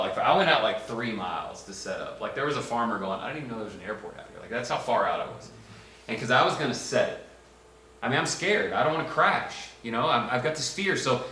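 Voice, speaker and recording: A man preaching a casual sermon with lots of fillers, swinging between loud emphatic lines and quiet asides. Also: fairly low pitch, slight background noise. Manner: casual, anecdotal, many fillers and restarts. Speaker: pastor. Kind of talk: conversational sermon. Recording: roomy echo with faint ambience.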